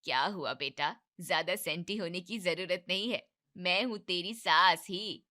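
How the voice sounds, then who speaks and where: A woman's voice: lowish voice, measured pace, bright, forceful tone. A woman voicing a bossy but caring older mother-in-law in a cartoon family drama, scolding and commanding. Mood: firm.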